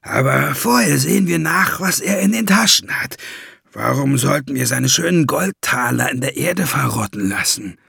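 A man's voice: mid-range voice, lively intonation, normal speed, creaky, pushed and bright, breathy edge, no echo, studio quality, exaggerated voice. A man voicing a scheming, greedy male dwarf who whines and protests, in an audiobook. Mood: greedy grumbling.

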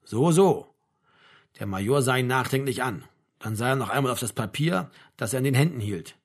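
A man reading an audiobook in a dry, even storytelling manner. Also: mid-range voice, quick pace, slightly rough. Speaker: audiobook narrator. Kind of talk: audiobook narration.

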